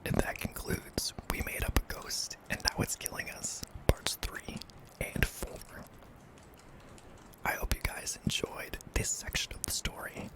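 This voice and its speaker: Whispering male ASMR horror narrator. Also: low-quality recording. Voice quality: breathy, mostly unvoiced whisper with some creak. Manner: hushed, deliberate storytelling in short phrases.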